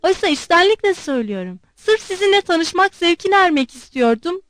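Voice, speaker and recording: A woman's voice: very high voice, big pitch swings, fairly quick, fairly bright tone, no echo, full character voice. A woman reading as an earnest, humble young prince. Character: gentle young male prince, sincere and humble.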